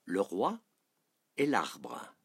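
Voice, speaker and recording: A man reading a children's storybook aloud, soft and sometimes dropping to a whisper. His low, husky voice moves slowly, with a lively, rising and falling melody.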